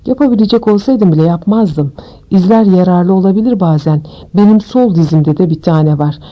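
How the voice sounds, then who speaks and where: A woman voicing an old, wise and calm male wizard with a mildly wry manner, in a storybook reading. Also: lowish voice, normal speed, muffled recording, natural voice.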